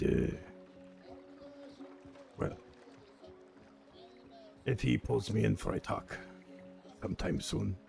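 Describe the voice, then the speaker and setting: Here the same man plays a grumpy, worn-out crime-organization veteran with a fatalistic outlook, again in improvised online role-play. He speaks in a low, gritty, heavily creaky voice, slow and halting with much pitch movement, in a darkish full character voice. The mood stays grave and resigned.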